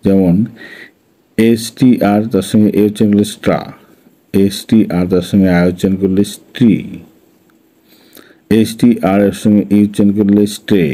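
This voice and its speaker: A man teaching an English phonics lesson, spelling out letters one by one and then sounding each syllable slowly. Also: on the low side, mellow, low-quality recording.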